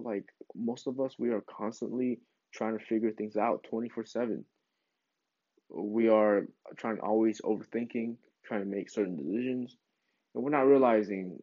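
A man's voice: fairly low pitch, slightly rough, no room sound. A man giving a casual, encouraging spiritual pep talk in an informal, rambling way, as a self-help vlog host. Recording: dull lo-fi sound.

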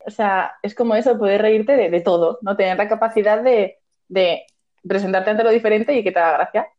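A woman's voice: mid-range voice, a little fast, highs cut off. Laughing Spanish woman telling a story. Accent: Spain Spanish. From Spain. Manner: laughs often while telling stories. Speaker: podcast co-host. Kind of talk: casual chat.

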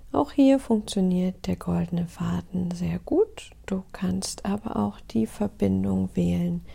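A woman leads a guided meditation with a soft, breathy delivery that often sinks toward a whisper. Her voice is mellow and husky, with noticeable creak at the edges. She speaks calmly and soothingly, leaving deliberate pauses between phrases. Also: mid-range voice.

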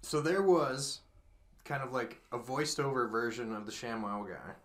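A man's voice: mid-range voice, moderate pace, a bit bright, roomy sound. A man chatting casually as a panelist on a comedy podcast. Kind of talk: casual chat.

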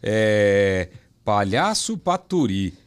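Lively-voiced Brazilian podcast host. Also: male voice, lowish voice, drawn-out words, clear, resonant tone. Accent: Brazilian Portuguese. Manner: curious, prompting with short questions. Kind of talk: interview questions.

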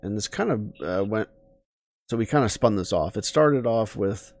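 A man's voice: on the low side, lively intonation, moderate pace, a little mellow, dry recording, studio quality. A man co-hosting a podcast, chatting casually with lots of fillers and restarts. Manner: rambling, many fillers and restarts. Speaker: podcast co-host. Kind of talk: casual chat.

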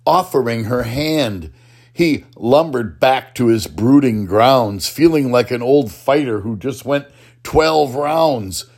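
Slow husky man reciting a poem. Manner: slow, rhythmic rhyming delivery with wide swings in pitch. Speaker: poet. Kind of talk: spoken-word poetry recitation.

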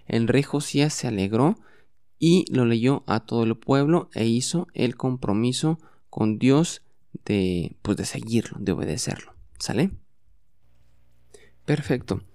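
A man's voice: mid-range voice, expressive, measured pace, warm tone, no room sound, studio quality. A man teaching as a podcast host in a bilingual lesson, patiently repeating words and phrases for the listener to say back.

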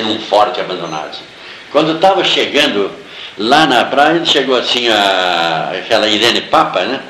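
Older Brazilian man, lively storyteller, roomy recording. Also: mid-range voice, slight background noise. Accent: Brazilian Portuguese. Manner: animated, acts out the people he quotes. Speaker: filmmaker interviewee. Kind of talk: storytelling anecdote. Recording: roomy with faint ambience.

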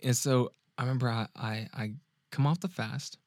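A man hosting a podcast, telling a personal story in a casual, animated way, laughing often and restarting his sentences. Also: mid-range voice, moderate pace, no room sound. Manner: animated, laughs often, frequent restarts and check-ins with the listener. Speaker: podcast host and dating coach.

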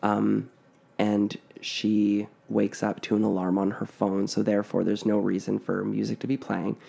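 A man's voice: fairly low pitch, monotone, moderate pace, vocal fry, warm tone. A man co-hosting a podcast, telling a spooky family story in a casual, rambling way full of fillers and restarts. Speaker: podcast co-host.

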